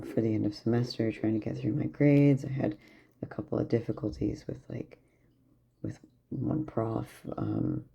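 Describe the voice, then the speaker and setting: A young man, clearly tired, rambles through a candid, casual video diary with many fillers, his mid-range voice warm and full of vocal fry. He's a vlogger filming on a camera propped near a plant, and the audio comes across dull and lo-fi.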